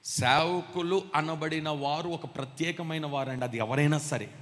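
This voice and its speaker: High bright-voiced man preaching. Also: fairly even intonation, moderate pace. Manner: emphatic, calls the congregation to respond. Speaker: pastor. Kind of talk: sermon. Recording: long hall reverb.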